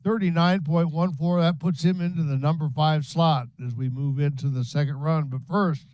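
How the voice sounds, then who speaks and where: A man's voice: on the high side, steady tone, normal speed, a little mellow, clear, resonant tone, no room sound, low-quality recording. A man giving playful color commentary on a ski race, joking with his co-announcer. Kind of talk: live sports commentary.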